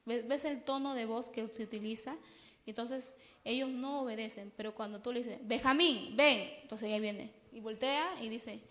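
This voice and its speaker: Peruvian lady psychologist giving a church parenting talk, kinda high voice, long echo on it. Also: steady tone, moderate pace. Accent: Peruvian Spanish. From Peru. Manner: explanatory, keeps checking in with "¿no?". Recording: long reverb.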